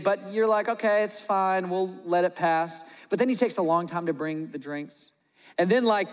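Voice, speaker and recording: A man's voice: high voice, long reverb tail. A man preaching a sermon to his church, playful and joking with the congregation, acting out little scenes. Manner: acts out little scenes in voices. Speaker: pastor. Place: large church hall.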